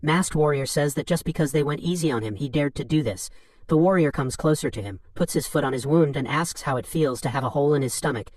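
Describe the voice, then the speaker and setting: A man with a somewhat high voice narrates a story recap, reading each beat in an even, flat third-person summary. The sound is dry and close, with no room around it. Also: fast, no room sound.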